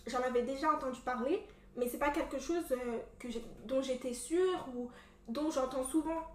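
A young woman from Cameroon telling a story in casual chat, animated and full of fillers. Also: sits high, moderate pace. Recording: echoey room from a distance.

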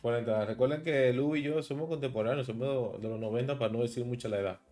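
A man in his thirties from Santo Domingo with a Dominican accent, hosting a relaxed streamed interview and explaining local slang with a laugh. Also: mid-range voice, quick pace, soft background music. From Dominican Republic. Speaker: host.

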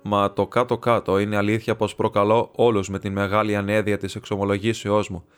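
A man's voice: on the low side, little pitch movement, smooth, soft background music, natural voice. A man voicing a proud, scornful nobleman who makes a bitter, mocking confession. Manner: mocking and defiant.

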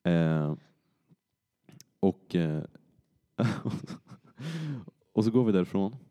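A man's voice: sits low, mellow, clear, resonant tone, highs cut off. A young man casually telling a long story on a podcast, rambling with fillers and acted-out quotes.

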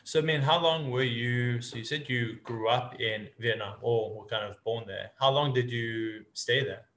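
This podcast host from South Africa speaks at a moderate pace with a medium-pitched male voice. In a casual interview he poses rambling, lengthy questions, murmuring soft affirmations, all captured with a roomy echo.

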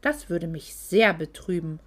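Brief: woman reading a deep, oily, condescending male loan shark for an audiobook. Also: lively intonation, unhurried. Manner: oily, condescending, mock-polite. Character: smug greedy male moneylender, fake-sweet.

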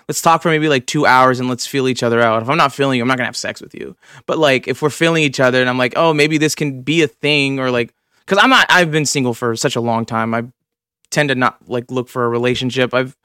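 A man's voice: mid-range voice, fairly bright tone, clean tone, no room sound, studio quality. A man in his twenties hosting a podcast, talking in a rambling, profane, filler-heavy way. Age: 20s. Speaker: podcast host. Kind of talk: casual chat.

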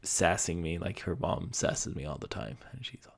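A man's voice: deep voice, lively intonation, moderate pace, gravelly. A young man hosting his own podcast from home, rambling casually with lots of fillers and self-deprecating asides. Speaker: podcast host. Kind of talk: casual solo podcast monologue. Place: home basement room.

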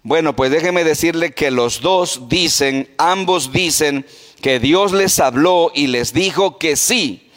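A man preaching as a pastor, voice a touch high for a man, asking the congregation question after question. His voice rings with a long reverb through a church hall. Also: slow pace, a bit bright. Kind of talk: sermon.

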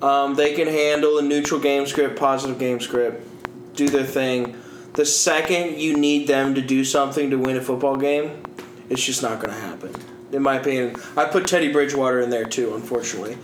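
A man's voice: medium pitch, steady tone, a little fast. Man, casual football chat, rambling, joking, roomy echo, faint hiss. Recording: echoey room with faint hiss.

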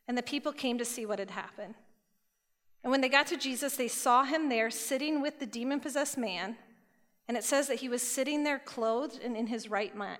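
A woman giving a sermon to a youth group, retelling scripture stories in a lively, casual storytelling way. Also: fairly high pitch. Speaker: youth speaker. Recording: long hall reverb.

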